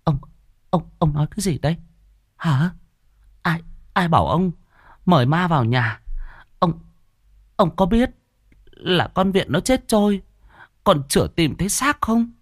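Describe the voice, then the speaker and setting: A man voicing a terrified old grandmother in a spoken ghost story, stammering and wailing in a high, shrill voice. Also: animated, a little slow, pauses often, dry recording, clean studio sound.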